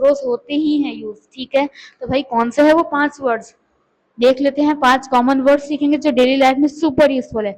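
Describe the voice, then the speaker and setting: A woman teaching English to beginners, explaining in Hindi and reading English lines slowly and carefully. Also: high voice, rough recording. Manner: repeats words and asks questions to the viewer. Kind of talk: lesson.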